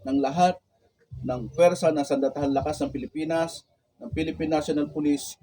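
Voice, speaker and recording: A Filipino man speaks as a local official giving an interview statement. His voice is slightly high but soft and dark in tone. He is measured and formal, as if making a speech, with faint background noise and birdsong. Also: rough recording. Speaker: municipal administrator, interview guest.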